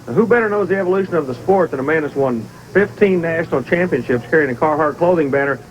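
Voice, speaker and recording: Male trackside tractor pull reporter, high and quick, folksy enthusiasm, noisy vehicle background. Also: dull audio. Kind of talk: energetic sports commentary and interviewing.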